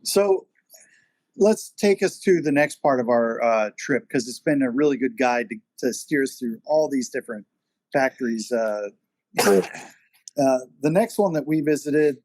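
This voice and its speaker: A man's voice: medium pitch, expressive, unhurried, darkish tone, dry recording. A man hosting a casual interview conversation, rambling along with many fillers. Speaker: podcast host and magazine editor.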